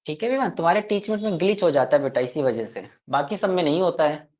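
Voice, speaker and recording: A man's voice: a little high, lively intonation, fast talker, darkish tone, highs cut off. A man teaching an online grammar class, playful and teasing his students as he explains. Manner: addresses students fondly as kids.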